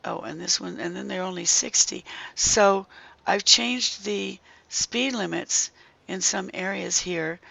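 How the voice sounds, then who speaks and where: Someone with a hoarse, croaky throat and a strained voice that slips into whispers gives a casual, halting gameplay walkthrough, thinking aloud. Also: medium pitch, sharp tone, no echo. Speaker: gaming video creator.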